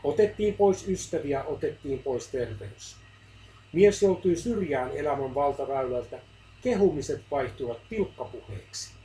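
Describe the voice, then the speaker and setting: A man's voice: medium pitch, animated, warm tone, a little hiss or hum, low-quality recording. Earnest male reader of a devotional book. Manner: earnest and measured.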